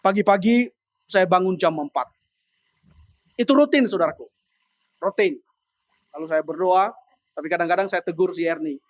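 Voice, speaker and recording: Brief: middle-aged male preacher, high voice, animated storyteller who swings from shouts to near whispers, church sermon. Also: moderate pace, long pauses. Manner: storytelling, animated, swinging between loud outbursts and hushed asides.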